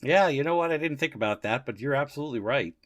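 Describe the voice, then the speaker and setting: A man's voice: mid-range voice, lively intonation, fast, fairly bright tone. A man co-hosting a casual podcast, agreeing readily and laughing easily as he chats about a radio series. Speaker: podcast co-host.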